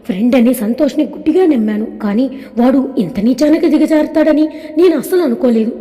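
Woman voicing a hurt young wife, tearful pleading, high mellow voice, long reverb. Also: brisk, natural voice. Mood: regretful. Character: grieving young wife, hurt but composed.

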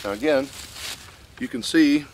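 Recorded on a camera mic with a little hiss or hum, an older channel host speaks unhurriedly in a mid-range voice. He's in a wooded lot reviewing a chainsaw, casually explaining and showing how it works in a plain, folksy manner full of fillers.

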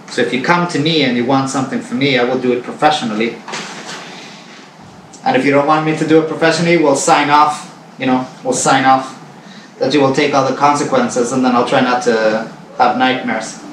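A man's voice: mid-range voice, a little hiss or hum. A man in his forties from Canada, talking casually to camera in his living room and rambling with many fillers and repeats. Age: 40s. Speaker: vlogger. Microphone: far camera on a tripod. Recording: roomy, distant camera sound.

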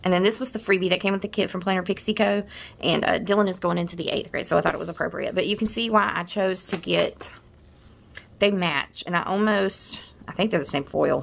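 Chatty woman with a gravelly creak. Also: medium pitch. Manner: chatty, rambling, often restarting and trailing off; tender and wistful. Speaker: planner vlogger. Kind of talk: casual show-and-tell of planner kits.

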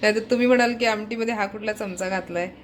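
A woman's voice: mid-range voice, fairly even intonation, fast talker, a little hiss or hum. A woman chatting casually to her viewers in a home vlog, filming around her house and calling out coaxingly now and then. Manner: chatty, talks straight to viewers; coaxing calls in a raised voice. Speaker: family vlogger. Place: home kitchen and hall.

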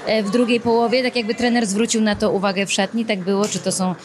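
A young female sports reporter asking lively, probing post-match questions into a handheld microphone. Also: mid-range voice, fast talker, slight background noise. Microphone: handheld broadcast mic.

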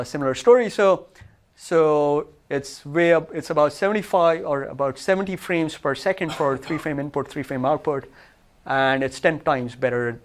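A man presenting research in a lecture room, walking listeners through results on his slides in a technical talk. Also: medium pitch.

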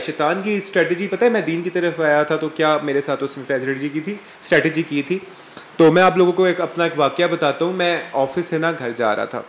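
A man's voice: medium pitch, fairly bright tone, a little hiss or hum. Earnest man in an echoey room. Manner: earnest, emotional storytelling. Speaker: religious speaker. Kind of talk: earnest religious talk with personal story. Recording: echoey room, faint ambience.

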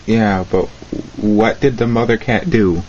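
A man's voice: fairly low pitch, measured pace, a little mellow. A young man in casual chat at home, insistently prodding with short questions. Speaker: grandson filming and questioning. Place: indoors at home. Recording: muffled, noisy home recording.

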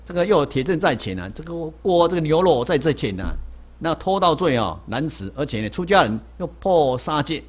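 A man's voice: fairly high pitch, very animated, a little fast. A man voicing a stern ancient king who passes a verdict in a story told during a sermon. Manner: stern, judging.

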